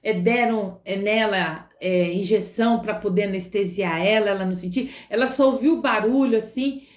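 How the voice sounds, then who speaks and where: A woman telling a dramatic story to children, animated, with sound effects and fillers. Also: medium pitch, moderate pace. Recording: roomy echo.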